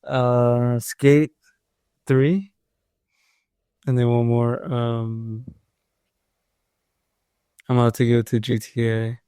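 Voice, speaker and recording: A man's voice: medium pitch, level tone, very slow, pauses often, mellow, clear, resonant tone, no echo, studio quality. A young man co-hosting a casual podcast, talking hesitantly with many fillers. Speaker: podcast co-host. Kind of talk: casual chat.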